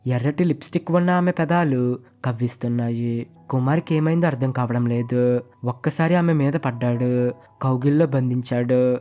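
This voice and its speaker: A man reading out a short story as scripted narration, in a measured, dramatic storytelling manner. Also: medium pitch, mellow.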